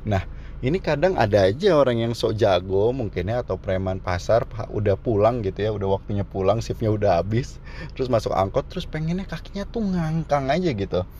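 A young male vlogger with a fairly low, warm voice and lively intonation delivers a brisk, casual comedic monologue, joking in slang and laughing at his own jokes. The recording is dull and slightly muffled, with a little background noise.

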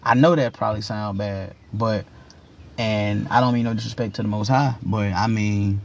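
Gravelly young man on a casual rant. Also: fairly low pitch, fairly even intonation, moderate pace, highs cut off. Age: young adult. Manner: slangy, rambling, emphatic with repeated phrases. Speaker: commentator giving personal opinions.

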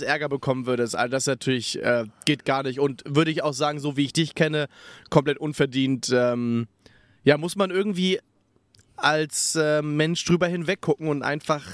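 Young guy cohosting from a camper, lots of ähs and restarts, bit high voice, dry close sound. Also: no echo. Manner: filler-heavy, restarting, upbeat. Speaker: podcast co-host. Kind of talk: casual chat. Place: inside a camper van at a festival.

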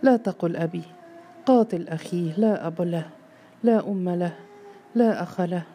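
A woman voicing a harsh, grief-stricken middle-aged father who pleads and shouts in a storybook reading. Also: fairly low pitch, moderate pace, a little hiss or hum, lightly acted. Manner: stern, pleading, bursting into shouts.

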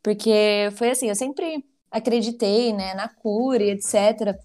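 A woman with a Brazilian Portuguese accent, telling a personal story in a casual chat, lively and quick to laugh. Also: medium pitch.

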